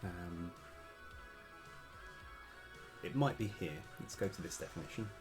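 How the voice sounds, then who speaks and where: Thinking aloud over his code on a live game-dev stream, this man hesitates constantly and says um a lot. His low, slightly worn voice is animated and fairly quick, with music in the background.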